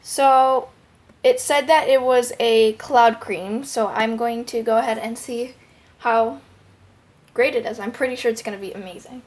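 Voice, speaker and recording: A young woman giving a casual, excited product review as a show host, recorded at home through a headphone microphone. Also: on the high side, unhurried. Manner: excited, gushing. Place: bedroom at home. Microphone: headphones used as microphone. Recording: headphone mic with clear background noise.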